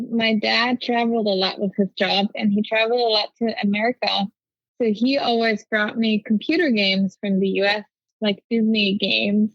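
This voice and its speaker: A young woman who grew up in Germany, German her first language, talks in a bright, chatty way as a guest on a podcast. Her voice sits at a middle pitch. The recording is dry with no room sound, and a bit dull in the highs. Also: no room sound. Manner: chatty, upbeat, with frequent "like" and "you know". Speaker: guest, quilt pattern designer. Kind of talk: casual interview chat.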